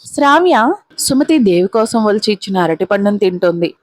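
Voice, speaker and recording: Female storyteller for a serialized audio drama, steady and dramatic, mid-pitched, dry close sound. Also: normal speed, no room sound. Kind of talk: scripted audio-story narration.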